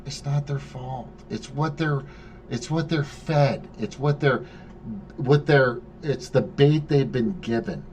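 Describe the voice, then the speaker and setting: A man's voice: medium pitch, slow, darkish tone. Guy hosting a call-in chat, rambles and swears a lot, restarts sentences, bit of faint hiss behind. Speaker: podcast host. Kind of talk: casual group chat.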